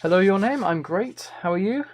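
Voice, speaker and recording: This streamer speaks in a fairly high voice with lively intonation and a moderate pace. He hosts his live game stream casually, wandering from thought to thought and remarking on himself a bit wryly, with music playing behind him.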